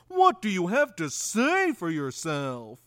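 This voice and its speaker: A cartoon stage director, grand and bossy, with a high voice that swoops through a wide range. He speaks slowly, and his lines are delivered dry and close to the mic. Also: huge pitch swings, fairly bright tone, dry recording, heavily acted. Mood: theatrical. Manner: theatrical, bossy. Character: pompous, exasperated male theatre director. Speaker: stage director playing a detective.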